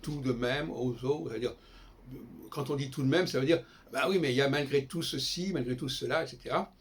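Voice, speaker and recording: A man's voice: medium pitch, brisk. An older man giving a casual, digressive spoken lecture, often breaking off and restarting his sentences. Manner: digressive, self-interrupting, frequent restarts. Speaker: host.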